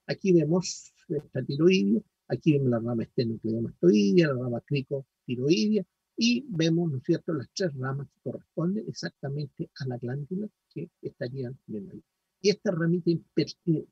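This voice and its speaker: Man lecturing on anatomy, husky and distant. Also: fairly high pitch, a little mellow, no room sound, muffled recording. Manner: explanatory, peppered with "¿no es cierto?" and "¿ya?". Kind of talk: university lecture.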